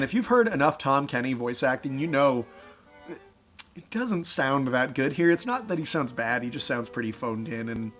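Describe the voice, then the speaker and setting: A young man hosting a reaction video with excitable, sarcastic, laughing commentary. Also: medium pitch. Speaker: video host.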